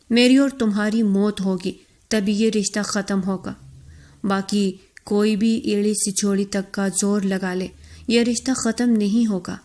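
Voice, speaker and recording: A woman's voice: mid-range voice, a little mellow, lightly acted. A woman voicing a bold young bride who talks carelessly yet firmly in a storybook reading. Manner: carefree and firm. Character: bold, stubborn young bride, fiercely determined.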